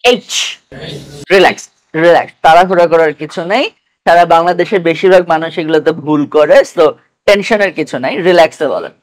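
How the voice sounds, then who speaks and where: A man teaching English pronunciation to a class, drilling letters slowly and patiently for students to repeat. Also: on the high side. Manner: slow, patient, repeats each sound for students to echo.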